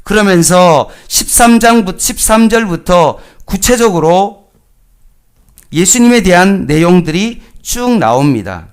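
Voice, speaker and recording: A middle-aged man preaching in a clear, resonant voice that sits a little high for a man. He reads verses at a slow, deliberate pace and keeps asking his listeners questions that he answers himself. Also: lively intonation. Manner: asks questions and answers them himself, reads scripture slowly. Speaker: pastor. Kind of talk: Bible teaching sermon.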